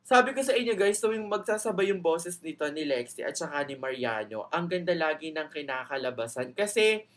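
Young filipino guy with a filipino accent gushing over a song cover, chatty and excitable, mixing tagalog and english. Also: a little high, normal speed. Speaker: reaction video host. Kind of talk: casual reaction commentary.

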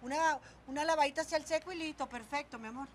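A high-voiced, fretful, melodramatic mother, played by a woman in a telenovela scene. She exclaims and scolds her daughter, and a faint hum of street noise sits behind her. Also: quick pace, natural voice. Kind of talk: telenovela acting.

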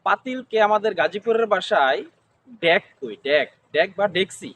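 High voiced guy w/ gazipur accent answering slow, faint ambient noise. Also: expressive, a bit bright. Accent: Gazipur Bengali dialect. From Gazipur, Bangladesh. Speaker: interviewee. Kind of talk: street interview answers.

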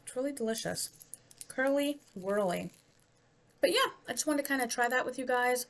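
A woman's voice: sits high, quick pace, a bit bright. Chatty american lady doing a snack taste test on camera, rambly, laughs a lot. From United States. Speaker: vlogger. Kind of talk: casual taste-test vlog.

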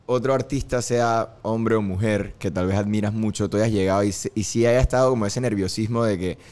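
A man co-hosting a podcast, playfully teasing his guest and slipping into high-pitched impressions. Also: steady tone, brisk, a little mellow. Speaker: podcast co-host. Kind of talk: casual podcast chat.

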